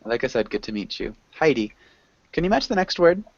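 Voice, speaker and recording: A man's voice: medium pitch, big pitch swings, fairly quick, no echo. Male online tutor, encouraging and easygoing, dry dull call audio. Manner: friendly, patient, encouraging. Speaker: online English teacher. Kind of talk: online class teaching. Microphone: video call.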